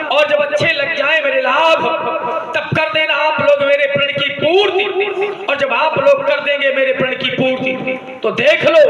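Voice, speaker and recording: Hammy, high-pitched grieving King Janak. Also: muffled recording. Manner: hammy, theatrical, drawn-out declamation. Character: grieving, proud King Janak, father of an unwed daughter. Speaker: Ramlila stage actor. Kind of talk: declamatory devotional stage drama with sung verses. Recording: echoey stage PA with loud music. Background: loud musical accompaniment.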